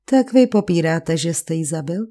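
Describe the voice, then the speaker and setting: A woman's voice: sits low, expressive, dark tone. A woman reading the lines of a stern male magistrate who questions a suspect coolly, in an audiobook. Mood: cool, probing. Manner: cold, questioning.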